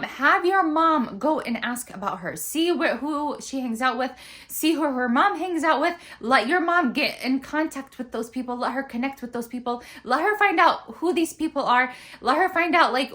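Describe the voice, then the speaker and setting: A woman's voice: sits high, sharp tone. A young woman giving casual, chatty marriage advice, emphatic and checking in often with "okay?", mixing in Arabic words. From born in Germany, grew up in the US. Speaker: advice vlogger. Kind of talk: casual advice talk to the camera. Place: Chicago.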